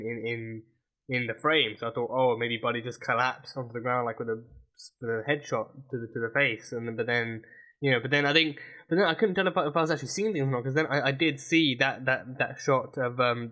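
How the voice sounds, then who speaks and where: Male TV reviewer, mid-pitched, bright forward voice, loose rambling unscripted talk. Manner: rambling, many restarts and fillers, laughs often. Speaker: TV episode reaction reviewer. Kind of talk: casual reaction review monologue.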